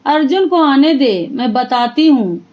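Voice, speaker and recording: A woman's voice: lively intonation, unhurried, muffled recording. A woman voicing a harsh scolding mother-in-law. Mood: scornful. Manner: shrill, accusing.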